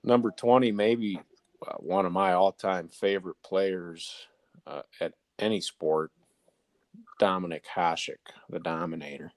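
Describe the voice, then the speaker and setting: A sports talk show panelist runs a casual countdown of sports nicknames for his co-hosts, announcing each ranked number before the name. His voice sits low with fairly even intonation, a little slow, in a dry recording.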